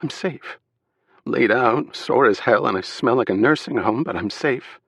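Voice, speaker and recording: A man's voice: medium pitch, a little slow, vocal fry, fairly bright tone, breathy edge, no room sound, studio quality, voice pushed up, exaggerated voice. A man voicing a frightened young wife who is crying, her voice cracked and aching, in an audiobook. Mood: tearful relief.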